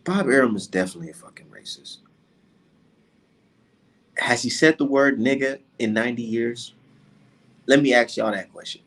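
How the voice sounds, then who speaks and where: A man's voice: mid-range voice, normal speed, long pauses, fairly bright tone. A man in his twenties hosting a casual podcast chat, brash and cussing, getting fired up. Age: 20s. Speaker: podcast host.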